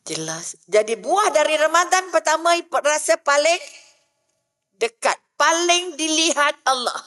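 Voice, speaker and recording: A woman's voice: sits high, lively intonation, a little slow, a bit bright. A middle-aged woman with a Malaysian Malay accent giving an emotional religious talk, moving between pleading prayers and teasing asides with laughter. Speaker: religious lecturer.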